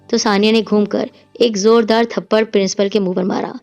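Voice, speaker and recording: A woman reads a dramatic story aloud in a steady storyteller's voice. Her pitch sits in the middle of the range. Soft music plays faintly behind her. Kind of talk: scripted story narration.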